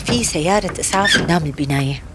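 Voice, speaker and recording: A woman's voice: low-pitched, very fast, very noisy, natural voice. A woman playing a worried, caring grown daughter looking after her mother. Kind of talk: domestic drama acting.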